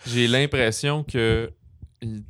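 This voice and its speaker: A man with a Quebec French accent, co-hosting a casual film review chat and telling his thoughts in animated, digressive stretches. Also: mid-range voice, slow pace, no room sound, studio quality.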